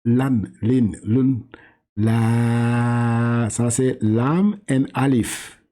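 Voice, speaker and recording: Chatty man teaching Quran reading, mellow voice. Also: mid-range voice. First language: not French. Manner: chatty, laughs often, drifts into anecdotes; slow, drawn-out syllable drills. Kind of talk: informal reading lesson.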